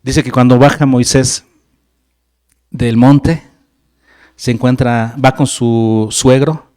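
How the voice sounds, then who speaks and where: A man preaching a sermon, animated and acting out biblical dialogue. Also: mid-range voice, slow, clean tone, no room sound, studio quality. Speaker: pastor. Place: church.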